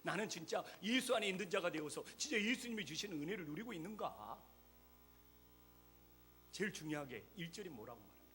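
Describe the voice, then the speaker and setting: A man's voice: high voice, expressive, a little fast, sharp tone, slight background noise. A man, a pastor, preaching a sermon in a church, pressing his points with emphatic rhetorical questions. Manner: jokes lightly with the congregation. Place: church sanctuary.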